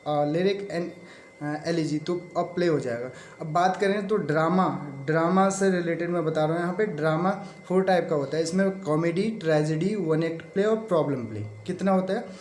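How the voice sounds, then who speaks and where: A high-pitched Indian man teaching English literature for exam prep. He works through quiz items step by step, asking questions and answering them himself. The sound is roomy and echoing. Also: a little mellow, slight background noise. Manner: reads English quiz items slowly, mixing English terms into Hindi.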